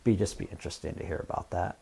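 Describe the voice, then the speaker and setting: A man's voice: low voice, fast, creaky, husky. Laid-back man talking to camera. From Washington State, US Northwest. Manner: relaxed, rambling, plain-spoken. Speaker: YouTube fabrication channel host. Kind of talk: casual talk to camera.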